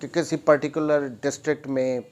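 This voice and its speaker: Brisk and fairly high-pitched, with little pitch movement, a man lectures on law in a Pakistani accent. He reads out statutes and explains them, repeating phrases and switching between English and Urdu.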